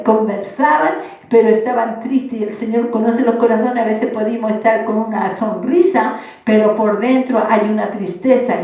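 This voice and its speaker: A woman pastor delivers a sermon, repeating her phrases and acting out the questions she quotes. Her voice sits a little high yet sounds mellow. She is heard from some distance in a strongly echoing room.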